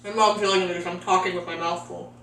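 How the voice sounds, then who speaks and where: A woman's voice: lowish voice, flat delivery, fast talker, fairly bright tone, slight background noise. A woman hosting a home cooking video, chatting enthusiastically as she walks through a recipe in her kitchen. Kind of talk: casual cooking demonstration. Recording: echoey kitchen, mic at a distance.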